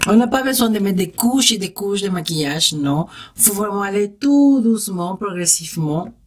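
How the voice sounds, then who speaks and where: A woman's voice: medium pitch, lively intonation, normal speed. Spanish-accented woman chatting through makeup. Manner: chatty and encouraging, talks straight to her viewers; sound effects like "tac" while she works. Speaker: makeup tutorial host. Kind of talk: step-by-step beauty tutorial.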